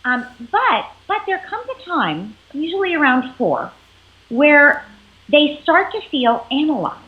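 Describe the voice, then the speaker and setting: A woman psychologist explaining parenting as an interview guest, animated and acting out what parents and children say. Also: sits high, measured pace. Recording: tinny phone-like line.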